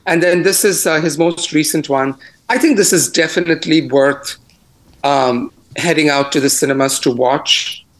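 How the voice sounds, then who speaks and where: A man's voice: a little high, normal speed. A man, a film reviewer and co-host, talking casually from home over an internet call, his voice crunchy and bitcrushed, with plenty of fillers and restarts. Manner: relaxed, with many fillers and restarts. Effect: crunchy, bitcrushed internet-call audio. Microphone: internet video call.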